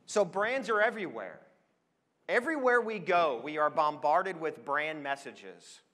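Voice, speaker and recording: A long, hall-sized echo surrounds this American man in his forties as he gives a motivational business presentation on a large stage. A conference speaker and advertising professional with roots in Switzerland and then Oregon, he sounds emphatic and enthusiastic and poses questions to his listeners. His voice is a little high and sharp in tone, unhurried, with big swings in pitch.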